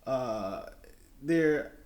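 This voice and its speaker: A man's voice: mid-range voice, animated, very slow, darkish tone. An American man in his thirties, casually answering viewer questions in a loose, rambling way. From United States. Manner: rambling, loose and chatty with many fillers. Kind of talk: casual chat. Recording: echoey room.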